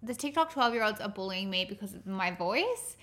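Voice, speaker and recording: Bright nasal woman. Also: mid-range voice, lively intonation, brisk. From Australia. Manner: distinctive nasal voice, chatty. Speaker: podcast co-host. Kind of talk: casual chat.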